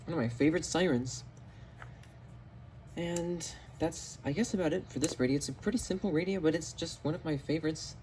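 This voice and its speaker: A man gives a casual, hands-on product demonstration, recorded on a home camera indoors in his basement. He is a video host and hobbyist collector with a fairly high-pitched voice, talking a little fast, and the recording is very noisy.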